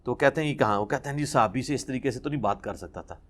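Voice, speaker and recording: A man giving an impassioned religious lecture, recounting traditions with emphatic repetition in touched by a lilt. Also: mid-range voice. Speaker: religious speaker.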